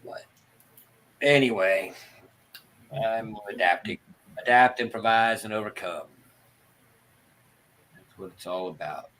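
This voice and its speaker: A low-pitched male voice in casual livestream conversation. He lisps and whistles on his sibilants because his front teeth are missing. His delivery is that of a self-deprecating storyteller. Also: takes it slowly, pauses often, fairly bright tone. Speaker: livestream participant and former broadcaster.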